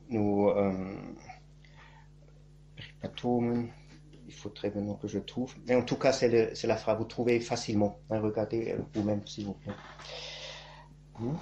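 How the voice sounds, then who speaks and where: Halting lower-voiced monk lecturing. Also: male voice, dark tone, dull audio, a little hiss or hum. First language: German. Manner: halting, searches for words, frequent "hein" tags. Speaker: Orthodox priest-monk. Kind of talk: spoken catechesis lecture.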